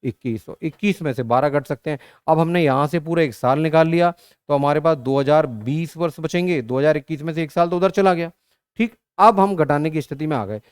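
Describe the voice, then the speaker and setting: A man's voice: fairly high pitch, fairly quick, smooth, dry recording, clean studio sound. A man teaching an exam-prep lesson, working through arithmetic step by step and asking and answering his own questions, calling students "beta". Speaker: online reasoning teacher.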